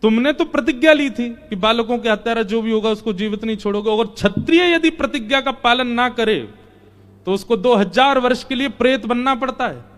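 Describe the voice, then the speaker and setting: A man's voice: very high voice, brisk, fairly bright tone, voice pushed up. A man voicing the god Krishna as a playful, coaxing guide who questions and urges his friend in a religious storytelling talk. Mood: urging. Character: Lord Krishna, divine male guide, playful and teasing.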